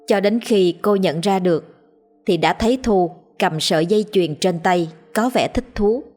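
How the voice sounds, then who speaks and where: A woman narrating a story in a measured, expressive reading voice. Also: fairly low pitch. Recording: soft background music.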